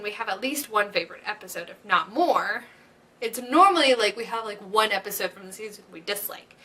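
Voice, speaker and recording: Gushy giggly woman vlogging, bright tense voice, a bit high. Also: slight background noise. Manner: animated, giggly, gushing. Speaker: vlog host. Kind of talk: casual fan chat.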